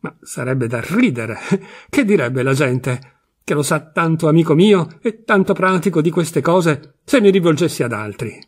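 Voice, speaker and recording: A man reading aloud plays a sly, sardonic middle-aged husband who drawls his ironies with a husky, slightly raised voice. The tone stays teasing and tired, with a storybook reading feel. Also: fairly high pitch, animated, a little slow. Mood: mocking. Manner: sardonic, teasing, half-mocking. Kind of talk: literary audiobook reading.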